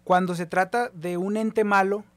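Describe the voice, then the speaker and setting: A woman's voice: mid-range voice, steady tone, normal speed. A woman, interviewing a guest with brief questions and short affirmations.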